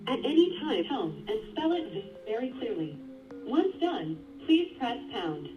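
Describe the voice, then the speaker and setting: A recorded phone message in a woman's fairly high, lively voice. She reads a scripted automated menu in a polite, measured way and gives callers step-by-step instructions. The sound is distant and phone-like, with music behind it.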